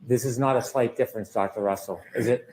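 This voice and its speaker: A man's voice: medium pitch, fast talker, a little mellow. A man cross-examining a witness in a courtroom as a lawyer, pressing and sceptical, often ending statements with pointed tag questions.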